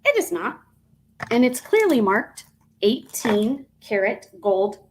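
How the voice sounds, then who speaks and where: Woman, casual live-stream seller, slightly high pitch, rambling, fillers and self-corrections. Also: very animated, takes it slowly, slight background noise, poor audio.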